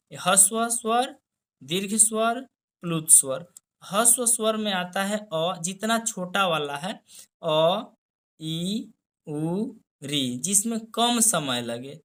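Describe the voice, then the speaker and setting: Slow, patient woman teaching grammar. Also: mid-range voice, a bit bright. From India. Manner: slow, patient, repeats points and quizzes the listener. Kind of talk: classroom-style lesson.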